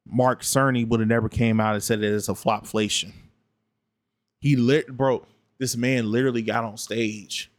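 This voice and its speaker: A man's voice: mid-range voice, dry recording. Blunt, tired man streaming late at night, keeps repeating himself, dry close sound. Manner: repetitive, blunt, argumentative. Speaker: gaming streamer responding to another streamer. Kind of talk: late-night casual reaction commentary.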